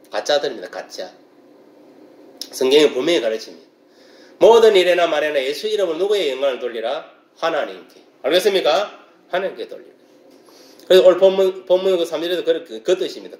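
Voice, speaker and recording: A man delivers a sermon with an animated, swinging delivery, pressing his points with repeated rhetorical questions. His voice sits a little high for a man, and it rings around a reverberant room. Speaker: pastor. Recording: echoey room.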